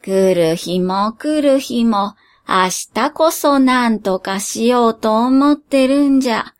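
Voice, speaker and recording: A dubious, lanky middle-aged genie, as a woman reader puts him on, stretching each word into a slow, sly drawl. The voice sits fairly high for a man, with an old-fashioned, folksy turn of speech. It is a storybook voice, half comic and half cheap showman. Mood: weary. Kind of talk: storybook character voice.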